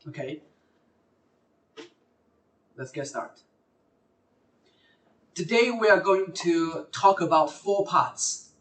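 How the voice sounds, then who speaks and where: A man's voice: on the high side, lively intonation, slow, pauses often, a bit bright. A man hosting a live university recruitment lecture, speaking hesitantly with fillers and self-corrections. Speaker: host. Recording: roomy sound from far off the mic.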